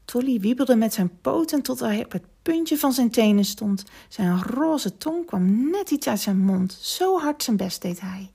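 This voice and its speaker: Gentle, slightly gravelly woman storyteller. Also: a little high, unhurried, few pauses. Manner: gentle, expressive storytelling, sometimes dropping to a whisper. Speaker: storyteller and podcast host. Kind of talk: children's story narration.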